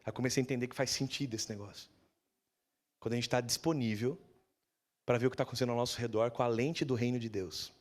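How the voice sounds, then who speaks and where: A male pastor with a Brazilian Portuguese accent, preaching a sermon in a church in a lively storytelling manner and acting out the people he quotes. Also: mid-range voice, fast.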